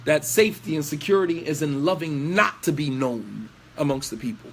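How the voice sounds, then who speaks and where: A man's voice: fairly high pitch, fairly quick, creaky, a bit bright, a little hiss or hum. A man preaching in a lecture, scolding with rhetorical questions and telling a story, mixing in recited Arabic phrases.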